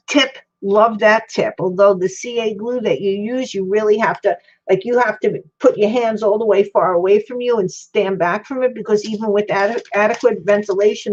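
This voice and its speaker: Toothless-sounding woman rambling over crafts, dull sound. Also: mid-range voice. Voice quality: toothless, slightly mushy articulation. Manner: rambling, thinking aloud. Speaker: craft livestream host. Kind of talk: casual chat while demonstrating crafts. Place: indoor craft worktable.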